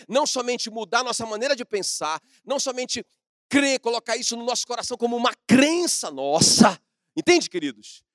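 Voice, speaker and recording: A man's voice: high-pitched, no echo, clean studio sound. A middle-aged man preaching a sermon as a pastor, asking the congregation questions and calling for responses.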